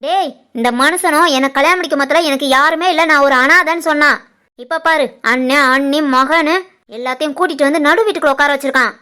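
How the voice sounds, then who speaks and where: A woman voicing a sharp-tongued, scheming older mother in an animated family drama, with a Tirunelveli Tamil accent. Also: high voice, fast talker. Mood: irritated. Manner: grumbling, scornful.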